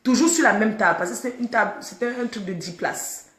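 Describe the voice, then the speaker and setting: A woman's voice: fairly high pitch, brisk, a bit bright. A woman vlogger chatting to her viewers from her bed, tired after just waking up, rambling on in a casual, direct way. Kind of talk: casual chat to camera. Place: bedroom, sitting in bed. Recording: roomy echo.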